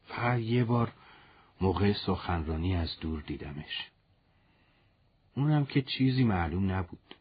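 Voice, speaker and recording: Brief: man doing an earnest young soldier, touchy and loyal, low husky voice in a storybook. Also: animated, pauses often, dull audio. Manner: indignant, protective of his commander.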